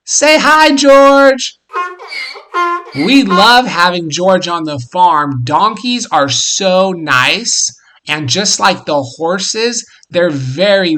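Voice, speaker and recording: A man hosting an educational show for young children, talking simply and encouragingly as if reading to a toddler, with animated emphasis. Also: on the high side. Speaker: host of a children's farm show.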